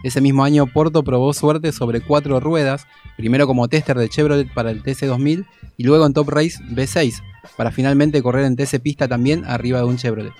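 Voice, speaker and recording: A man's voice: mid-range voice, fairly even intonation, brisk, a little mellow, faint music behind. A man reading scripted documentary narration.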